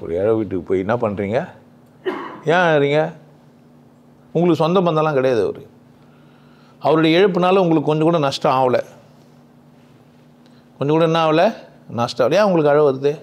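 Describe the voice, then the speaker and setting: A man's voice: on the high side, animated, normal speed, long pauses. A man giving an informal talk, bluntly questioning his listeners and answering his own questions. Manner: blunt, teasing, asks the audience questions and answers them himself. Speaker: speaker at a spiritual gathering. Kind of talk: informal lecture with rhetorical questions.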